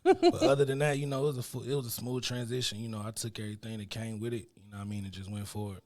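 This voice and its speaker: A man's voice: mid-range voice, steady tone, very fast, darkish tone. A young man from Mississippi, a guest rapper chatting casually in an interview, laid-back and slangy. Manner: laid-back, slangy, keeps saying "you know what I mean".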